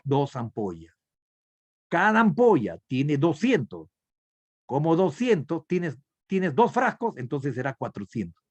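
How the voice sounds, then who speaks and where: A man with a Peruvian Spanish accent teaching an online nursing class over a video call, working through a calculation step by step and asking questions that he then answers himself. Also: on the high side. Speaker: nursing instructor.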